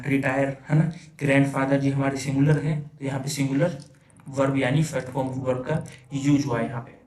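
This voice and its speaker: A man teaches grammar, repeating key phrases and checking in with his students. His voice sits fairly high. It sounds distant in an echoey room. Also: a little mellow. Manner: explains by repeating phrases, many rhetorical "है ना" checks. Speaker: English teacher. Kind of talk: classroom grammar lesson.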